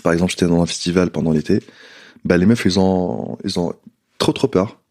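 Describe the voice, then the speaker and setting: A man talks as a guest in a relaxed conversation. His voice sits very low, with a gravelly edge. He speaks haltingly, looping back and repeating words as he gathers his thoughts. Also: slight background noise. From Tunisia. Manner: hesitant, many restarts and repeated words. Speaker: podcast guest. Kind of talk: casual conversation.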